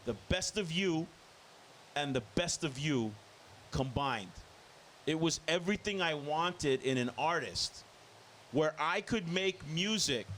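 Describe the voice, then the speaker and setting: A man in his fifties hosting a casual roundtable chat, with a voice that sits a little high for a man. He tells stories in animated, quick bursts, and a faint hiss runs under his speech. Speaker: host, DJ and producer.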